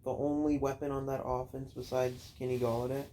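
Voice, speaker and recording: A man with a flat, mellow voice bluntly rattles off his football picks. He teases his friends in casual chat. Faint room ambience sits behind him. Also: mid-range voice, fairly quick, a little hiss or hum. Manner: blunt, teasing. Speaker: co-host ranking players.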